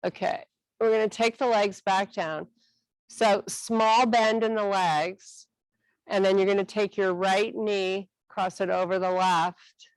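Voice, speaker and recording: A woman instructor guiding a stretching class with calm, encouraging cues. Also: mid-range voice, no echo, rough recording. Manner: calm, encouraging cueing with a slow, unhurried delivery.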